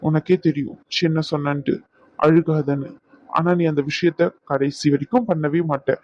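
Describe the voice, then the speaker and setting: A man's voice: fairly high pitch, steady tone, normal speed, dry recording, lightly acted. A man voicing a wounded, stubborn young husband in a Tamil audio drama, lecturing his wife in a stern tone. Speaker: husband Raghu, hurt and stern. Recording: dull, lo-fi dry recording.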